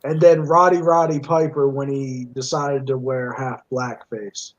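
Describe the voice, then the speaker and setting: A man co-hosting a casual wrestling podcast, chatty and lively. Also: medium pitch, measured pace. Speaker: podcast co-host. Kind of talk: casual chat. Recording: husky voice on a dull lo-fi mic.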